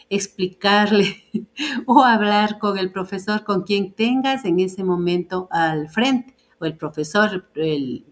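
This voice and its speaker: A woman, a parent taking part as a guest, telling a family story in conversation. She acts out the lines of quoted speech and pauses on hesitant fillers. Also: fairly low pitch.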